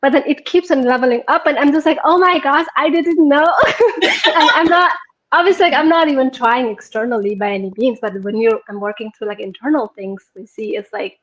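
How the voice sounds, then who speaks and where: A woman's voice: sits high, brisk, a bit bright, muffled recording. A woman in her thirties from Nepal, a guest talking casually about her personal transformation, laughing often and filling with "like". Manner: giggly, frequent laughter, many fillers. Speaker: program participant, guest. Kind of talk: casual conversational testimonial.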